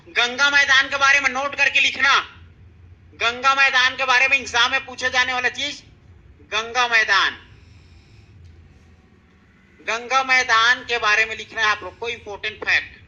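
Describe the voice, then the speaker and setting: A man teaches an exam-prep lesson in a very high, piercing voice. He repeats each point, quizzes his listeners and checks in with them after every step. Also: fairly even intonation, normal speed, long pauses, sharp tone, muffled recording. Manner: repetitive, keeps asking students questions and checking with "theek hai". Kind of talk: exam-prep classroom lecture.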